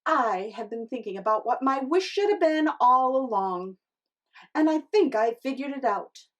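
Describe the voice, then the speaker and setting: A woman's voice: high voice, lively intonation, normal speed. A woman voicing a bossy, discontented fisherman's wife in a storybook tale, with a dramatic, exclaiming delivery. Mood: imperious. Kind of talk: storybook character acting.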